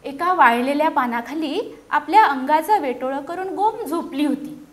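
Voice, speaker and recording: A woman's voice: high voice, normal speed. A woman teacher reading a picture book aloud to children in a classroom, often stopping to ask them questions. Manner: animated, keeps questioning the children. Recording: echoey classroom.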